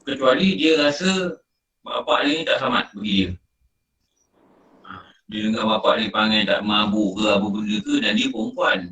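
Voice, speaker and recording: With a lowish voice, moderate pace and long pauses, this middle-aged Malaysian Malay-accented man sounds pushed and bright. He is a religious teacher telling stories in a casual, conversational lecture, repeating himself frequently. The audio is roomy and distant from the microphone.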